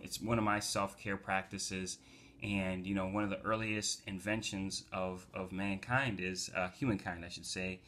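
A low-pitched, sharp-toned man, a community organizer and poet from the United States, chats casually from home with plenty of fillers. He then reads his poems aloud, his loose talk rising into an emphatic recital.

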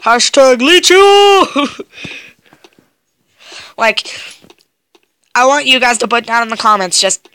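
High, excitable young woman gaming. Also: slow pace, long pauses, clear, resonant tone. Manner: jumpy, yelping and laughing when scared. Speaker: gaming video creator. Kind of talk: gameplay commentary.

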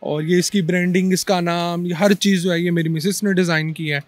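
A man's voice: high-pitched, steady tone, fairly quick. A young man, a food cart owner earnestly explaining his business in a street interview. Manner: earnest, explaining, mixes English words. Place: busy city street outdoors. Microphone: handheld mic held by interviewer.

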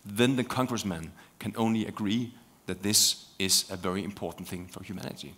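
A man's voice: on the low side, fairly quick, slightly rough. Danish-accented man on a conference panel. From Denmark. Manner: animated, frequent fillers and repeated words. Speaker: panel guest.

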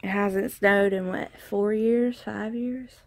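A vlogger with a Southern Alabama accent films on her phone outdoors in her snowy yard at home, chatting casually and with amusement for a video diary. Her mid-range, darkish voice is slow with fairly even intonation, and there is no room sound.

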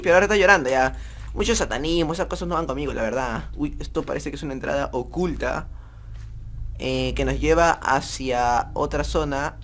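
A man's voice: on the high side, fairly bright tone. Jumpy young Peruvian gamer guy. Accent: Peruvian Spanish. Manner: jumpy, joking, talks to viewers as chicos. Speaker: gaming youtuber. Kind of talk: horror game let's play commentary. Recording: faint music behind voice.

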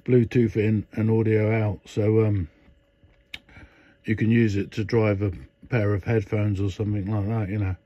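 Rambling with frequent fillers and restarts, an older radio hobbyist demonstrates a modification hands-on at an indoor workbench. He speaks with a warm, low-side voice, flat delivery, and a moderate pace. The dull, dry lo-fi phone audio has no room sound.

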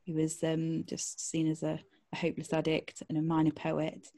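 A woman with a Northern English accent, a poet talking thoughtfully in an interview over a video call, pausing often with ums. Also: low-pitched, completely flat delivery, warm tone. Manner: thoughtful, hesitant with frequent ums. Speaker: poet and guest. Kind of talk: casual interview chat.

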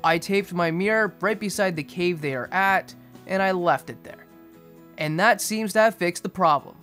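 A young man giving a casual aquarium update voice-over in a monotone, restrained way. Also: sits high, normal speed. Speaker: fishkeeping video host. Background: music behind the voice.

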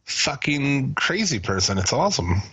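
A man co-hosts a casual podcast, excitable and profane. His pitch swoops widely and his voice is husky. The mic sounds dull and lo-fi in a dry, close space. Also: normal speed, dry recording. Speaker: podcast co-host. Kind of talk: casual chat.

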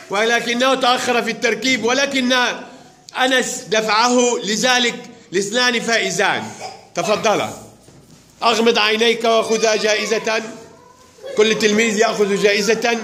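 A man's voice: very high voice, pushed and bright, slight background noise. A male teacher running a word game in a classroom, calling pupils up by turn and urging them to hurry. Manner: brisk, directive, urging pupils on. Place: classroom, large room.

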